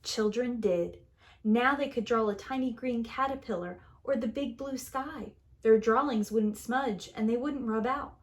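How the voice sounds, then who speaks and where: A woman with a slightly high voice reads a picture book aloud the way a preschool teacher would. Her storytelling is deliberate and expressive, leaning on key words as she reads to children.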